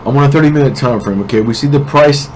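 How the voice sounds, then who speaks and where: Man, congested with a cold, casual market talk, mid-pitched voice, faint hiss behind. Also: quick pace, low-quality recording. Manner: casual, keeps checking in with "okay?". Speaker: forex trading analyst. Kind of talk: weekly market prediction talk.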